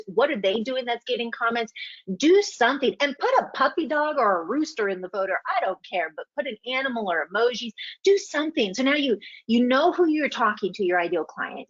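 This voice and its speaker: A woman's voice: mid-range voice, highs cut off. A woman hosting a marketing webinar, coaching listeners emphatically and repeating key points. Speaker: webinar host.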